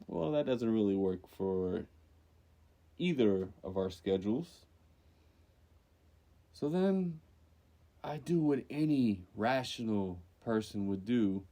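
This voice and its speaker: A young man from Louisiana co-hosting a podcast, telling stories in casual chat and jumping up in pitch for emphasis. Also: slow, long pauses. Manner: animated storytelling, jumps up in pitch for emphasis. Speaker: podcast co-host.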